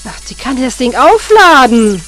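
A woman's voice: high voice, sing-song, measured pace, a bit bright. A woman in her thirties talking chattily through a video game, reminiscing and cursing at the game. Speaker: let's player. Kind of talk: casual gameplay commentary. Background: faint game music.

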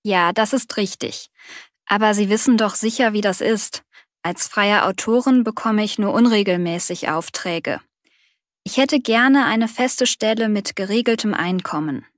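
In a scripted dialogue for learners, a woman reads the part of a friendly young job applicant, a freelance writer, who readily explains herself. Her natural, medium-pitched voice moves a little slowly, recorded with clean studio sound and no echo.

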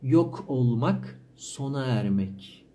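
A male language teacher reading a story aloud, pausing to repeat and explain words slowly. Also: medium pitch, lively intonation, mellow. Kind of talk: slow explanatory reading lesson.

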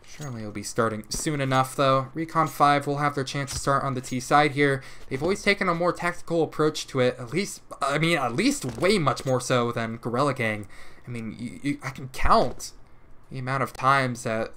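A man casting a competitive shooter match alone, giving rapid play-by-play that jumps up in pitch and volume at big plays and corrects himself as he goes. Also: pushed and bright, slight background noise. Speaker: esports caster. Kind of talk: live esports play-by-play commentary.

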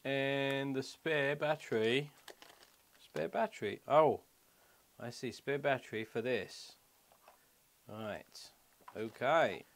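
A motorcycle vlogger in his thirties walks through a product hands-on in a small wooden shed or garage room, explaining step by step in short, casual phrases. His medium-pitched voice is slow and pauses often.

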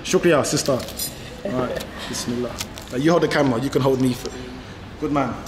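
With a mid-range voice and fairly quick delivery, an English travel vlogger banters playfully while filming himself in a packed cafe on a handheld action camera. Background noise and long reverb fill the recording.

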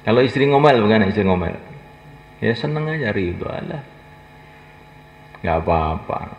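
A man delivers a folksy sermon, slipping into short acted dialogues and joking with his listeners. His voice sits low with a gravelly edge. The recording is dull and lo-fi, with a long echo from a large hall. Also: animated, normal speed. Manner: folksy, humorous, voices imagined dialogue, calls listeners to stand. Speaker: preacher. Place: mosque gathering. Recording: echoey hall, lo-fi, faint noise.

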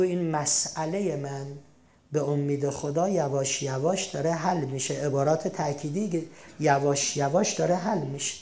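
A high-pitched man lecturing on positive thinking for a broadcast lesson. He keeps it conversational, throws rhetorical questions at his listeners, and suddenly acts out little scenes of loud or sighing speech to make his point. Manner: lively, acts out little quoted dialogues with big swings in pitch and loudness. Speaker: self-help lecturer. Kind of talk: motivational lesson on a religious TV channel.

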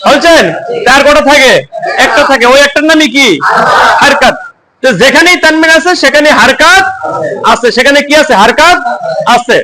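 A man's voice: very high voice, moderate pace, very noisy. A man teaching Quran reading in a mosque, constantly quizzing his class with repeated questions and homely examples. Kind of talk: classroom teaching with call-and-response.

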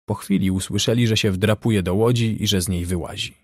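A man narrating an audiobook in a measured, dramatic way, close to the mic. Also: on the low side, fairly even intonation, a little mellow, dry recording. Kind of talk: scripted narration.

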